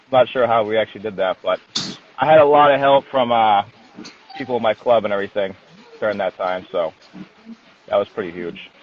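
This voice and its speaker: A man's voice: on the low side, moderate pace, long pauses, a little hiss or hum. Guy talking on a thin phone line, casual interview chat, candid, swears a bit. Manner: candid, colloquial, occasional swearing. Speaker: interview guest, dog trainer.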